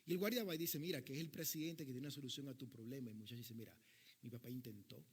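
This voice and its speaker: A man's voice: mid-range voice, rapid-fire, husky. A male pastor preaching a sermon, telling a long parable and voicing the people in it as he goes. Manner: tells a parable, acting out quoted voices in dialogue. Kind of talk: sermon storytelling.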